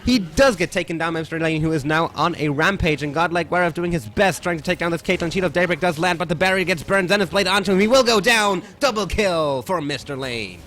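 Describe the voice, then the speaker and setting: An excitable male esports commentator calls the action play by play. His voice sits a little high for a man and often trips over itself in restarts. A faint hum of ambient noise runs underneath. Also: fast, few pauses.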